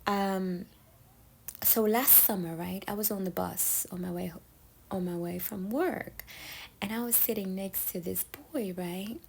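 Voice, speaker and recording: Woman from somalia chatting through a story, bit of vocal fry, keeps going "yeah? right?". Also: medium pitch, unhurried, darkish tone, low-quality recording. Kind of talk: casual storytelling monologue.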